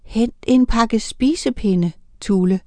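A woman's voice: mid-range voice, expressive, a little mellow, no echo, close to an everyday voice. A woman as a bossy commanding witch mother. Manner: quick commanding.

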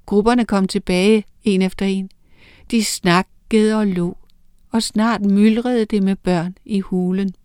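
A woman reading a children's story aloud in a steady, expressive way. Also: medium pitch, clear, resonant tone, no room sound, studio quality. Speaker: narrator.

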